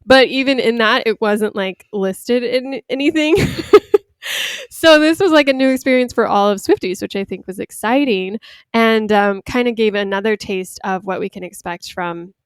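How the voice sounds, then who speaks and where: Chatty young woman with a smooth voice. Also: a little high, normal speed, dry recording, clean studio sound. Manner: chatty, laughs often, uses many fillers. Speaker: podcast co-host. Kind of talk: casual podcast chat.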